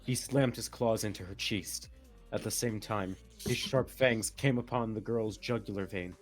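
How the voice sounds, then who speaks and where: Someone with a medium-pitched voice reads fan fiction aloud at a moderate pace over soft background music. They ham it up melodramatically and keep interrupting themselves with laughs and wisecracks.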